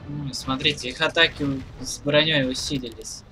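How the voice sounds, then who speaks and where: A man's voice: medium pitch, fairly even intonation, brisk. A man giving casual gameplay commentary as he plays. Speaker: gamer, channel host. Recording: clearly noisy game sound behind.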